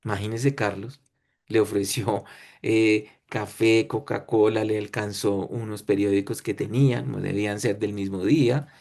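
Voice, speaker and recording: A man's voice: fairly low pitch, fairly even intonation, normal speed, vocal fry, a little mellow. A man with a Colombian accent who presents a webinar and tells a story in the style of a lecture. He talks in short phrases and often checks in with his listeners. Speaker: webinar speaker.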